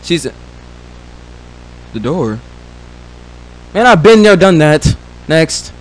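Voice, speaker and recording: Young man, horror game commentary, jumpy, lively pitch swings, slightly high voice. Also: very slow. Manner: jumpy, swings from muttering to shrieking; says "bro" constantly. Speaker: gaming streamer.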